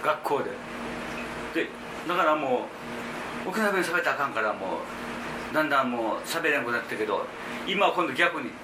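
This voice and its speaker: An older man from Ishigaki Island, speaking with an in a casual interview, emphatic and repeating himself forcefully. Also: mid-range voice, lively intonation, normal speed, long pauses. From Ishigaki Island, Okinawa. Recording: roomy echo with background noise.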